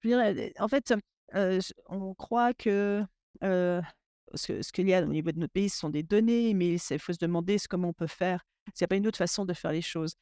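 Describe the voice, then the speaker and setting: A man interpreting a webinar panel discussion into French in real time, halting and often restarting his sentences. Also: sits high, darkish tone, clean tone, no room sound, clean studio sound. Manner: halting, with frequent restarts and fillers. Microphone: remote webinar audio.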